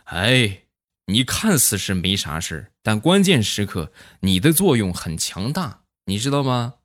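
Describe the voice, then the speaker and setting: Sly, cynical office boss in a comic monologue, smooth-talking and persuasive, played by a man. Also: fairly low pitch, sing-song, a little slow, a bit bright. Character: cynical male boss persuading an intern to stay.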